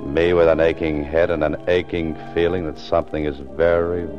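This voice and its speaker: A brooding, determined hard-boiled author-detective narrates his case in a very deep, bottom-register American voice with a level tone and moderate pace. He's terse and self-questioning in this 1940s noir radio drama. The old recording sounds muffled, with music behind him.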